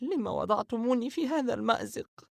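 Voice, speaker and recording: A man's voice: extremely high pitch, lively intonation, a little fast, gravelly, no room sound, studio quality, voice pushed up, heavily acted. A man reading an audiobook, voicing a tense young woman who asks urgent questions in a raised voice. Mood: anxious, pleading.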